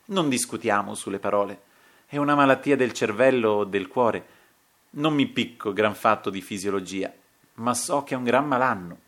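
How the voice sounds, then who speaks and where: A man's voice: fairly low pitch, moderate pace, close to an everyday voice. A man voicing a feverish young painter who talks in a bitter, agitated way. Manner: strange bitter laughter, excited.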